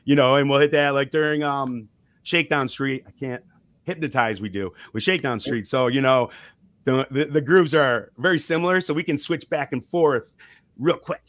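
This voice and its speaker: A man's voice: mid-range voice, normal speed, a bit bright, no echo. A man being interviewed about his band, talking loosely with frequent restarts and small laughs. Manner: rambling, chuckling, frequent restarts. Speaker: musician guest. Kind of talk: casual interview talk.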